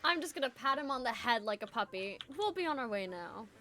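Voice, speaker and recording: Woman player, bright voice, teasing, describes what her character does. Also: on the high side, animated, a little fast, slight background noise. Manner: wry, teasing. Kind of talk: tabletop role-play, in-character narration.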